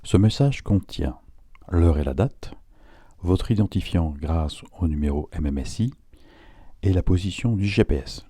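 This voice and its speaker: A man's voice: low voice, lively intonation, unhurried, mellow. A man reading a scripted instructional narration in a didactic, step-by-step way, as an instructor would.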